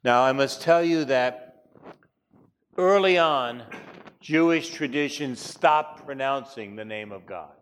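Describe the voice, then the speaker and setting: A man's voice: mid-range voice, slow, a bit bright, slight background noise. A man teaching a class, chatty, with wry asides and frequent fillers. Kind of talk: classroom lecture.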